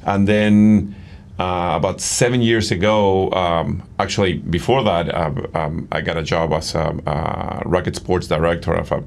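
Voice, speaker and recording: Speaking unhurriedly in a low-pitched, creaky voice with a steady tone, a middle-aged padel coach from Argentina chats as a guest in a casual interview. He's enthusiastic, often using fillers and restarting sentences.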